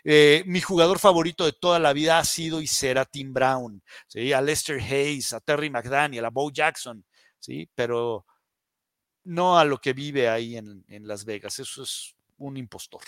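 A man's voice: mid-range voice, unhurried, fairly bright tone, no echo, studio quality. A Mexican man ranting on a live football show, sarcastic and indignant, asking "¿sí?" after nearly every point. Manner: indignant, sarcastic, says "¿sí?" often. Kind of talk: heated opinion rant.

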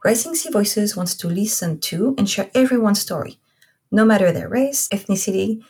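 This podcast host has an animated, mid-range voice at a moderate pace, a little mellow with a breathy edge. She's a woman in her thirties from Corsica, France, with a French accent, and she carefully reads her intro before turning to a casual chat with a guest.

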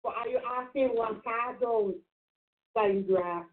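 A woman's voice: on the high side, slow. A British woman from the UK, a guest on a talk show, answering hesitantly and shyly. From United Kingdom. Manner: hesitant, shy, laughs off compliments. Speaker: guest, psychic. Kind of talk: casual interview answers. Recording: tinny phone-like call audio.

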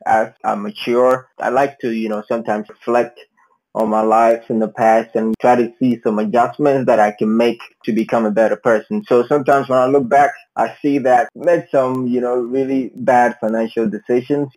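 A man's voice: mid-range voice, steady tone, normal speed, a little mellow, rough recording. A man, a podcast guest, speaking thoughtfully with frequent hesitations. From Ghana. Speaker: interview guest. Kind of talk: casual interview.

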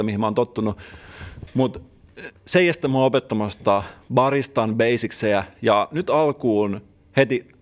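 A man co-hosting a comedy podcast, riffing in a mock-serious, teacherly way. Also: on the low side. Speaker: podcast co-host. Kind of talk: casual comedic podcast chat.

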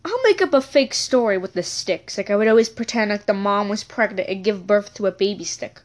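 A woman telling a childhood story in a casual, rambling episode, correcting herself and adding chatty asides. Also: fairly high pitch.

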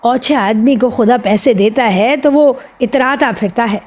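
A woman voicing a scolding, gossipy mother with sharp chatter. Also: on the high side, close to an everyday voice.

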